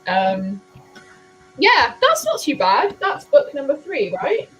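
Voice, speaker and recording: Higher-pitched woman chatting casually, music behind. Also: wildly swooping pitch, slow pace, fairly bright tone, low-quality recording. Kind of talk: casual, sweary book chat.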